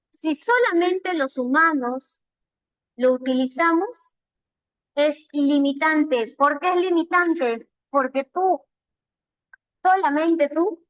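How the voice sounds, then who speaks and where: A woman's voice: sits high, fairly bright tone, no room sound, poor audio. A Peruvian woman, a language teacher giving an online class, explaining step by step and checking in with her students. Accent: Peruvian Spanish. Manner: patient, explains step by step with frequent check-ins.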